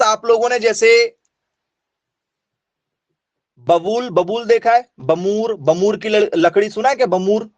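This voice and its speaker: Male teacher, high voice, dry close mic, repetitive question-and-answer delivery. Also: no echo. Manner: repetitive, questions and answers himself, addresses students directly. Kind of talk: online exam-prep lesson.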